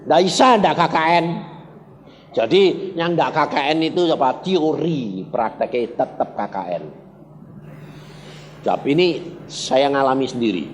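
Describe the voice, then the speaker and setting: A man's voice: moderate pace, pauses often. A man preaching a sermon as pastor, telling stories animatedly and asking the congregation questions. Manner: animated storyteller with wide pitch swings, asks the congregation questions. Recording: reverberant church hall, faint background noise.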